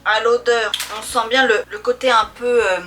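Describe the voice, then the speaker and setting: On the high side and steady yet sharp in tone, her voice moves at a moderate pace over soft background music. This host of a casual tasting vlog speaks playfully to viewers, using pet names.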